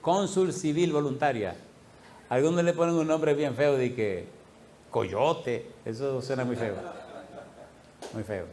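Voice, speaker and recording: A male pastor preaching a sermon, telling a story with lively laughter and acted-out voices. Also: mid-range voice, slow pace, pauses often, a little hiss or hum. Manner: animated, laughing, acting out quoted voices.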